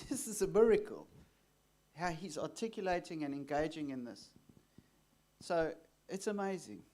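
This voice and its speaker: A man's voice: on the high side, lively intonation, moderate pace, darkish tone. A man hosting an onstage interview, asking leading questions and backing the guest with frequent murmurs. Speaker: host, exorcist.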